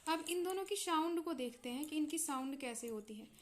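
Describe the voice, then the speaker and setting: A woman's voice: high-pitched, expressive, a little fast. A woman with an Indian accent teaching English vowel and consonant sounds, patiently repeating examples and checking in with her students. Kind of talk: explaining English phonics in Hindi.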